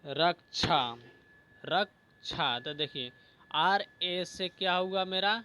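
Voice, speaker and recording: A male teacher giving a slow spelling lesson, repeating each word and often adding "ठीक है". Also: sits high, sharp tone, clean tone.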